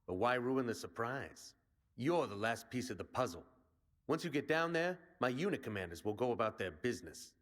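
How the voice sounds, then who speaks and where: An actor voices a brash male resistance commander in a video game, delivering a confident briefing in a rallying, plain-spoken soldier's manner. His voice is mid-range with a sing-song lilt at a moderate pace.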